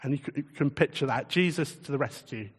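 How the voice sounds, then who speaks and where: A man preaching a sermon in a relaxed, conversational way, chuckling often and putting questions to his listeners. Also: mid-range voice, brisk, breathy edge, long reverb tail.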